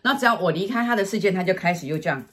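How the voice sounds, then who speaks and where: A woman's voice: fairly low pitch, racing. A woman, a fortune teller telling a client's story in casual chat, acting out scenes as she goes. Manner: animated, acts out scenes with sighs and gestures.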